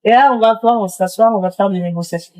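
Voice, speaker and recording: Young woman, restaurant owner, warm low-key tone, chatty storyteller. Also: fast talker. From Congo. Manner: animated storytelling with lots of fillers. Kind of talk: casual interview conversation.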